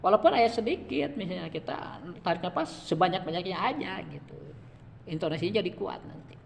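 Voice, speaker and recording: A man's voice: high voice, expressive, a little fast, vocal fry, slight background noise. A man giving a one-on-one Quran reading lesson, patient and repetitive, often checking in with his student. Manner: patient, repeats each point and keeps addressing the student. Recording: reverberant room.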